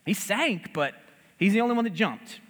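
A male pastor giving a sermon, conversational and humorous, telling the story with animated, lively delivery. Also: sits high, normal speed, long reverb tail.

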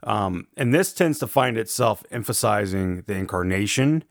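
A man lectures informally in a low, gravelly voice that sounds roughened by allergies. He explains carefully and qualifies his points as he goes. The recording is close and dry. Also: animated, normal speed, no echo. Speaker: theology lecturer.

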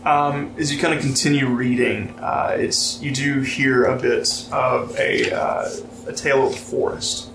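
A man narrating as game master of a tabletop game, relaxed and storytelling, reading lore aloud with fillers. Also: mid-range voice, unhurried, vocal fry, hardly any pauses, background noise. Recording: roomy sound with music behind.

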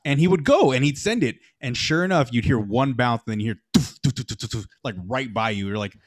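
A man's voice: medium pitch, fairly quick, no room sound. Chatty young man, dry close sound. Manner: animated storyteller, acts out quoted voices, many fillers. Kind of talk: casual chat, telling golf stories.

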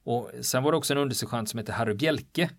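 A man's voice: medium pitch, no echo. Man animatedly retelling a wartime story. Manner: animated, vivid retelling with quoted dialogue. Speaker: storyteller recounting wartime history. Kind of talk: casual spoken history telling. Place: on the island where the events happened.

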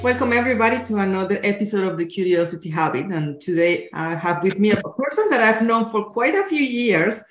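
A woman's voice: mid-range voice, lively intonation, brisk, hardly any pauses, reverberant, soft background music. A woman hosting a podcast, welcoming her guest and asking friendly, encouraging questions about her childhood. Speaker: podcast host. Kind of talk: casual interview hosting.

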